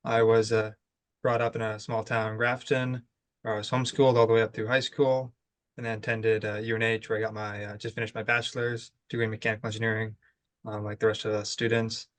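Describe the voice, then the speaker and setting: A young man from New Hampshire speaks in a low, flat voice. The sound is dry and close, and he talks casually about his studies with lots of fillers. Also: brisk, no room sound. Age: 20s. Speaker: engineering student.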